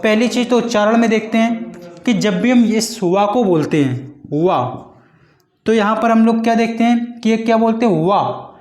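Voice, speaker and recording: A male teacher giving a patient exam-prep Hindi lesson, repeating each point and sounding out syllables slowly. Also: sits high, darkish tone, reverberant.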